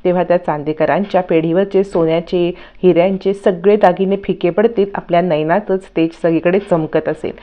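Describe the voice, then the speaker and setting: A woman's voice: fairly low pitch, fairly even intonation, fairly quick, hardly any pauses, narrow, tinny audio, close to an everyday voice. A woman voicing a fond middle-aged mother coaxing her daughter affectionately, in a TV serial recap.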